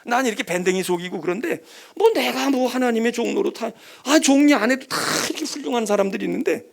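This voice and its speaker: A man voicing a sullen, self-pitying male prophet who mutters in a hushed way, in a sermon. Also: very high-pitched, fast talker, gravelly, voice pushed up, heavily acted. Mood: sulky.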